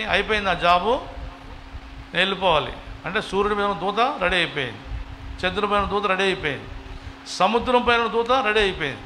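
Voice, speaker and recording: A man preaching a sermon as a pastor, swinging from quiet passages to loud, rising exhortations. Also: high voice, slight background noise, low-quality recording. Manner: preaching with sudden loud rises and quiet drops.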